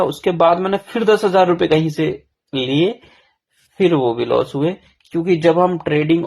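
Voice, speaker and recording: A man's voice: on the high side, darkish tone. A young man telling his own story in a frank, self-deprecating, rambling way, full of restarts, in a casual confessional vlog.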